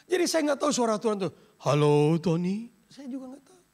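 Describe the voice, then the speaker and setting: A man's voice: extremely high pitch, animated, very fast, gravelly. A man preaching a sermon as pastor, emphatic and dropping English phrases into his talk. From Indonesia. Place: church sanctuary.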